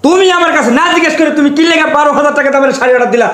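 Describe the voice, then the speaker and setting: Actor as a stingy, hot-tempered son, hectoring, very high and rapid-fire, echoey room. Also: male voice, animated, slight background noise. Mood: scolding. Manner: scolding, hectoring rhetorical questions. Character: stingy hot-tempered grown son, berating his mother.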